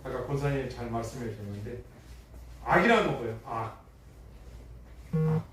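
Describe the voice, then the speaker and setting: Middle-aged male pastor, emphatic sermon delivery with loud peaks and hushed asides, distant mic, heavy church echo. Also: mid-range voice, animated, normal speed. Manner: emphatic preaching with rhetorical questions, swings from loud to hushed. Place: church sanctuary. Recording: echoey hall, distant mic, faint noise.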